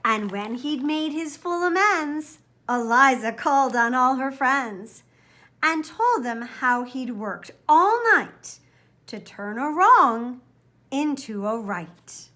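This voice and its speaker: A woman's voice: high voice, expressive, takes it slowly, pushed and bright. A woman reading a children's picture book aloud expressively, with dramatic, careful emphasis. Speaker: storybook reader.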